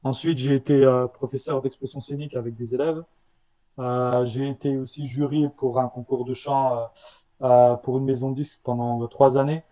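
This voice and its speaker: Man, founder guest, warm mellow tone, slight stutter, halting restarts. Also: medium pitch, flat delivery, poor audio. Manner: halting, with restarts and repeated words. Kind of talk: casual interview answers.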